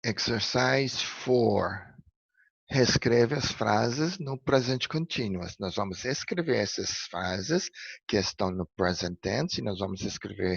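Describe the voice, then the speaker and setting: A man's voice: fairly low pitch, gravelly, breathy edge, dry recording, dull audio. A man from Brazil teaching an English lesson, explaining step by step and often checking in with "ok?" and "alright?". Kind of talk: recorded classroom lesson.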